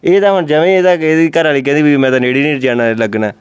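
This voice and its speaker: A man's voice: fairly high pitch, rapid-fire, clean tone, no echo, lightly acted. A man with a Punjabi accent playing an argumentative elder son who justifies himself in a staged comedy interview. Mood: defensive. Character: defensive elder son arguing over land.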